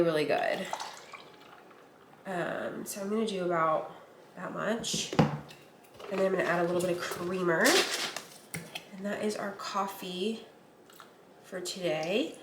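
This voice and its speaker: The recording is very noisy. A young lifestyle vlogger speaks in a lowish, fairly flat voice, taking her time with long pauses, her tone a touch nasal as she recovers from a cold, and her casual talk meanders with frequent fillers.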